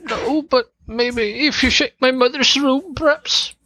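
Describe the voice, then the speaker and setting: A game master voicing Sophia, a tearful young woman and an innkeeper's granddaughter, in a tabletop game, with a high, hesitant voice. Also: unhurried, pushed and bright, no room sound, heavily acted, low-quality recording. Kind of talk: tabletop role-play.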